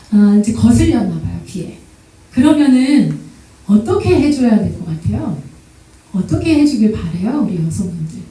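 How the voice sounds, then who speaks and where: A woman with a high but mellow voice gives a church seminar talk as a guest lecturer. She tells stories with lively energy, laughing and acting out little exchanges. She sounds far from the mic in a very echoey church hall. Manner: lively storytelling, often laughing and acting out quotes.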